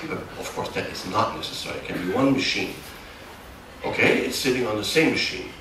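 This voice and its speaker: Speaking in a medium-pitched, slightly bright voice, this middle-aged man from Germany's Dutch border region presents a technical workshop at a conference. His German-accented delivery stumbles and self-corrects as he explains. The darkened hall echoes, and the far-off camera mic picks up background noise.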